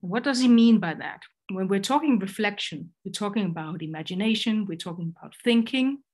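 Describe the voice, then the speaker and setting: This Danish-accented educator and graphic designer, a middle-aged woman from Denmark, lectures on design in an online presentation. Her medium-pitched voice is expressive and darkish, a little fast, and hesitant with frequent fillers and restarts.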